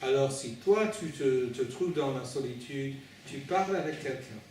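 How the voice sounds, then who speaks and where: A man who is not a native French speaker preaches informally in French with a foreign accent, in a halting, hesitant way, repeating and correcting his words as he addresses listeners directly. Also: mid-range voice, lively intonation, darkish tone. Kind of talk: informal sermon at an evening meeting. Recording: very echoey room, distant mic, faint noise.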